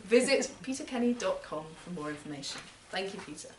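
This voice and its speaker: A woman hosts a live literary event in a library performance space, giving a scripted introduction for a reader. Her mid-range voice is animated and brisk. The live recording sounds roomy and distant, with noise.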